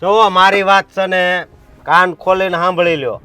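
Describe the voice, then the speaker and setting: A man's voice: sits high, steady tone, normal speed, sharp tone, clean tone, no room sound. A man playing a stubborn village enforcer in a short film, bossy and threatening. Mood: stern. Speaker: village strongman blocking the road. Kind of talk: short film drama acting.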